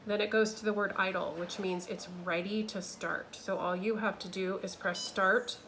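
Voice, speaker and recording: A woman's voice: medium pitch, fairly even intonation, normal speed, background noise. A woman giving a patient, step-by-step demonstration as an instructor, talking into the phone she films with. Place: kiln room. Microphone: phone held while filming.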